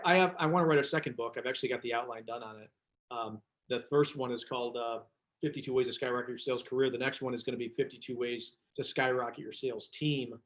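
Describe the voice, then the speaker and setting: A man's voice: mid-range voice, a bit bright. A man who works as a business coach, telling chatty anecdotes and often drifting off track mid-sentence. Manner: chatty, rambling, self-interrupting. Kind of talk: casual talk, telling anecdotes.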